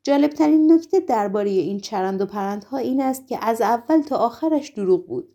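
A woman's voice: on the high side, expressive, warm tone. A woman voicing an aloof, dismissive older male devil in a storybook reading. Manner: dismissive, dry.

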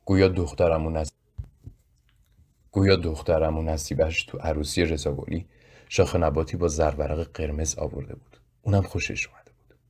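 A man narrating a story in a slow, measured, reflective way, with a husky voice. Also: a bass voice, fairly even intonation, a little mellow. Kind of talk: audiobook narration.

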